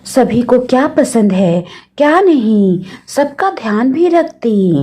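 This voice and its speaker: A woman's voice: a little high, dark tone, husky. A woman narrating a devotional story, reverently addressing the listeners again and again.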